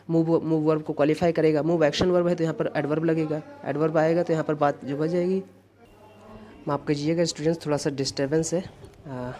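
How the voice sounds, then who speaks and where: A man's voice: a little high, a little mellow. Man teaching grammar. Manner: explanatory, repeats key answers and checks with "है ना"; reads example sentences slowly and deliberately. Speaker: English teacher. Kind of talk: exam-prep grammar lesson.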